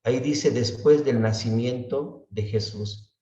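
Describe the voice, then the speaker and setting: A man leads an unhurried Bible class, checking in with his listeners and stretching out each word he repeats. His voice sits far from the microphone in an echoey church room, and the recording is dull. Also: medium pitch, dark tone. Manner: unhurried, often asks "¿verdad?" and draws out words he repeats. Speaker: Bible study teacher. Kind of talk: slow Bible class explanation.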